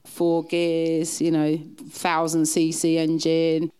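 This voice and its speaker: A woman's voice: deep voice, completely flat delivery, slow pace, warm tone, smooth. A middle-aged woman with an Essex accent telling anecdotes in a chatty, self-deprecating way as an interview guest. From south-east England. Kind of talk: casual anecdotal chat.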